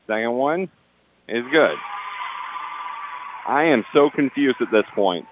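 Over phone-quality audio with a little hiss or hum, a medium-pitched man calls basketball with animated energy. He names each player and pass in quick succession and slips in dry comments about the referees.

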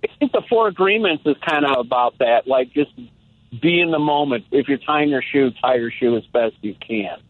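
A man's voice: mid-range voice, animated, normal speed. A man in his sixties calling in to a talk show, chatting casually and reflectively, with many restarts. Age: 60s. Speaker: caller. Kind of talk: casual phone-in chat. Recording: tinny phone line.

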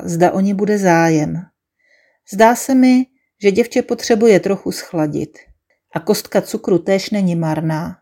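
A woman's voice: mid-range voice, warm tone. Woman reading a wry first-person story. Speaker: narrator.

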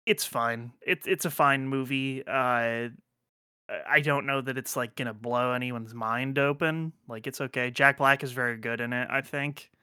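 Guy hosting a podcast, bright clear voice, super dry sound, rambles and swears a lot. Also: medium pitch, steady tone, moderate pace, no room sound. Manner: rambling, full of fillers and restarts, casual swearing. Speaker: podcast host. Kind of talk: casual podcast chat.

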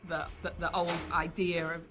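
Lower-voiced woman in thoughtful chat. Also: level tone, over music. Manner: thoughtful, measured, repeats words while thinking. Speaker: podcast co-host. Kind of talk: casual football chat.

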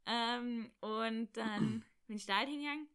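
A young woman casually telling a story about her travels, animated and acting out bits of dialogue. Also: fairly high pitch, a little slow, smooth. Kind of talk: casual chat.

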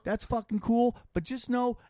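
A man with a high-pitched voice and a dry, close sound talks in an excited, emphatic way and swears freely. He is a comedian guest on a casual podcast recorded in a home studio. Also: no room sound. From Armenian and Italian heritage. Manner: excited, heavy swearing, rapid emphatic bursts.

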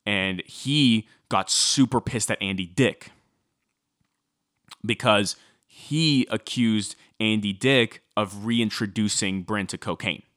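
A man's voice: lowish voice, takes it slowly, dry recording, clean studio sound. Chatty man telling a true-crime story. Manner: chatty, filler-heavy, animated when quoting. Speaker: podcast co-host.

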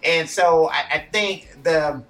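A man's voice: on the high side, slow, a bit bright, far from the mic, soft background music, poor audio. A man in a casual talk, rambling with many restarts and fillers as he works out his thoughts. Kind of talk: casual chat.

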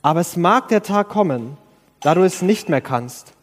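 A man's voice: high voice, expressive, moderate pace, big-room sound. A man preaching an earnest sermon, thinking aloud with restarts and acting out quoted pleas in a raised voice.

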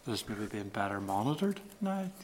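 A man's voice: lowish voice, sing-song, moderate pace. A Northern Irish man making informal, conversational remarks as a committee member in a meeting. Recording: clearly noisy meeting audio with clicks.

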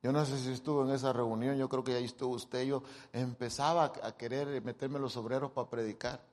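A man's voice: mid-range voice, a little fast. A middle-aged man preaching a humorous sermon, joking and acting out the people he quotes. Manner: jokey, animated, acts out quoted people. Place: church hall. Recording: long church-hall reverb.

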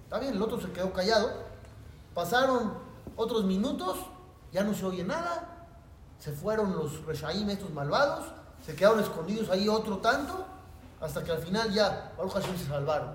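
A man's voice: high-pitched, normal speed, far from the mic. A rabbi with a Mexican Spanish accent, telling a story to his class and acting out the voices in it. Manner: animated storyteller who acts out voices. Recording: echoey room with faint noise.

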